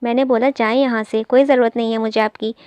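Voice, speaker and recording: A woman's voice: a little high, steady tone, quick pace, darkish tone, clear, resonant tone, no echo, lo-fi sound, natural voice. A woman voicing a hurt, tearful young mother who pleads in a sulky, childlike way.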